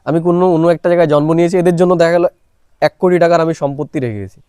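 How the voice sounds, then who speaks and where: A man's voice: fairly high pitch, very fast, mellow, clear, resonant tone, dry recording, studio quality. A man teaching a spiritual meditation class who keeps asking listeners whether they follow, speaking into a clip-on mic recorded on a phone. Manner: asks listeners rhetorical check-in questions. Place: small room, recorded on a mobile phone. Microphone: clip-on microphone.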